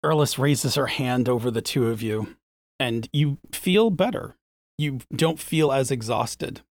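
Gravelly-voiced man running a tabletop game. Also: mid-range voice, a little slow. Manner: casual, filler-heavy narration with voiced asides. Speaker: game master.

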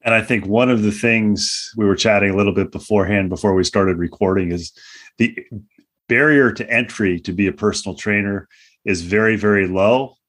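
A man hosting a podcast, framing his questions to the guest at measured length. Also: on the low side, fairly even intonation, fairly bright tone. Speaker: podcast host. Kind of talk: interview questions.

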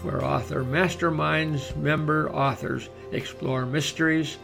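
A man with a gravelly, mid-pitched voice narrates in the manner of a nature documentary. His delivery is measured and formal, clearly read from a script, with music playing behind him. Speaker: podcast narrator and host.

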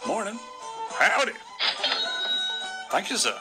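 A man's voice: high voice, sing-song, takes it slowly, voice pushed up, exaggerated voice, poor audio. A man putting on drawling Old West townsfolk and bandit voices, staged as an old-time recording with music behind. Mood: folksy.

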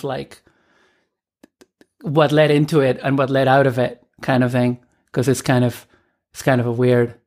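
A woman's voice: rumbling low, a little mellow. Hesitant woman in her thirties. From Argentina. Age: 30s. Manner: hesitant, many fillers and restarts. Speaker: podcast guest. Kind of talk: casual conversational interview.

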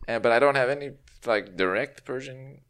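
A man hosts a relaxed podcast talk, his voice sitting in an ordinary middle register. He teases his guest and mocks himself in a dry, deadpan way. The delivery is casual and conversational. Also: medium pitch, fairly quick. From United States (Southern California). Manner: joking, playful deadpan self-mockery. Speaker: podcast host.

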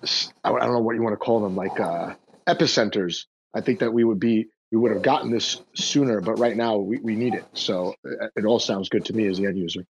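Talking briskly in a voice on the low side, a man joins a casual Twitter space chat as a guest, frequently stumbling and repeating words. His dull, dry lo-fi mic carries a little hiss or hum.

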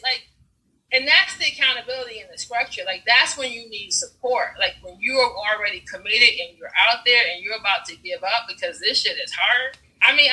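Bright, animated storytelling woman. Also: fairly high pitch, poor audio. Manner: animated storyteller, swears freely, acts out scenes. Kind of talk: casual conversation. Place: Brooklyn.

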